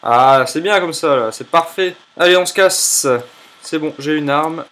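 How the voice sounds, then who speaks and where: A young man commentating his own gameplay in an animated, jokey, exclamatory way. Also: fairly high pitch, a little slow. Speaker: let's play host.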